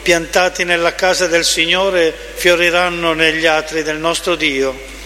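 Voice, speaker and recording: A man's voice: fairly high pitch, flat delivery, measured pace. A man reading scripture formally as a lector at Mass in a large reverberant church. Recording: reverberant church hall, faint noise.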